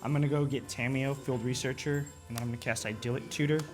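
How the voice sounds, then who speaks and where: A man playing a card game, calling out his moves in a quiet, matter-of-fact way. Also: medium pitch, steady tone, fast talker. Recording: music playing in background.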